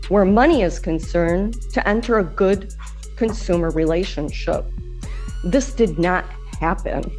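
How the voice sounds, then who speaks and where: A woman's voice: mid-range voice, a little mellow. A woman addressing a judge as a litigant in a courtroom recording, rambling in stiffly formal wording.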